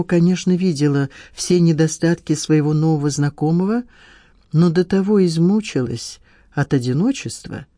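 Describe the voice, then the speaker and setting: An audiobook reader narrating a detective novel in an expressive storytelling manner. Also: medium pitch, no echo, clean studio sound. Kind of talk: scripted narration.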